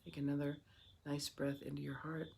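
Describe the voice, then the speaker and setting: A guided meditation leader with a middle-pitched, level, darkish voice speaks slowly and soothingly, leaving long pauses between phrases. Clear background noise of chirping insects runs behind the voice.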